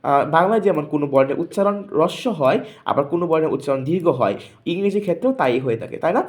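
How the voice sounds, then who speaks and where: Teacher, video lesson, reads English lines slowly, frequent fillers, mid pitch. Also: animated, a little mellow. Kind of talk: video lesson explaining a textbook.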